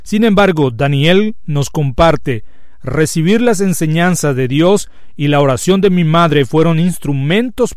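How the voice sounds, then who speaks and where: Soft-spoken radio host. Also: male voice, on the high side, no echo, studio quality. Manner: calm, scripted introductions and gentle questions.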